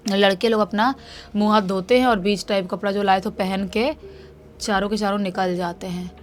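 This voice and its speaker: A woman's voice: medium pitch, fairly even intonation, normal speed, a little hiss or hum. A woman narrating a horror story in a loose, conversational way, often repeating herself. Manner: loose, repetitive spoken retelling.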